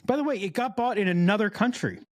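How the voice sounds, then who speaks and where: A man's voice: sits high, quick pace. A man co-hosting a podcast in casual chat, blunt and joking, teasing his co-host.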